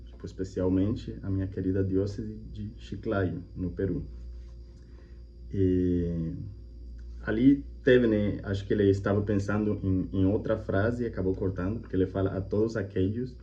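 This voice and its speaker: This Colombian man is a language teacher and channel host with a deep, mellow voice, fairly even intonation and a moderate pace. In a casual reaction video he explains things in a friendly, chatty way, repeating examples and often checking in with "né?". The audio is slightly muffled with a faint hum.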